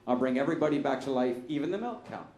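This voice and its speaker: A man's voice: medium pitch, expressive, very fast, a little mellow, echoey room, pitched below the performer's own voice, natural voice. A man voicing a sly, bargaining female leprechaun in a told joke, offering deals in a matter-of-fact tone.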